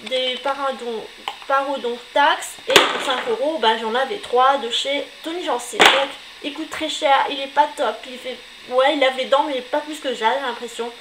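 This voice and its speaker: A woman's voice: high-pitched, normal speed. A woman reviewing beauty products she has used up, chatting casually with many fillers and blunt verdicts. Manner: chatty, hesitant with frequent fillers. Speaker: beauty vlogger. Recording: echoey room with noticeable background noise.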